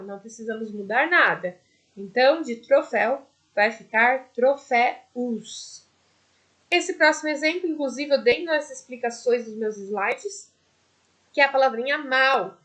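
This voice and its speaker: Patient teacher, higher-voiced woman. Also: fairly bright tone. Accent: Brazilian Portuguese. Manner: patient, explains step by step with diminutives. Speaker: primary school teacher. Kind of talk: recorded video lesson.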